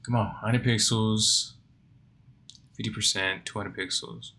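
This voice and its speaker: A sleepy man talks his way through a coding lesson in a slow, bright, somewhat low voice. He reads passages aloud and then questions himself, while keyboard typing and mouse clicks sound behind him. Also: fairly even intonation, vocal fry. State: sleepy, yawning. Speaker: coding learner. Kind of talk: think-aloud coding tutorial.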